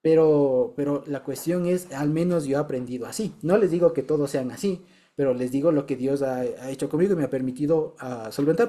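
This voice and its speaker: Man, fairly high mellow voice, casual group testimony, keeps checking listeners follow. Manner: chatty, repeats words and checks in with listeners. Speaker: Bible study group member.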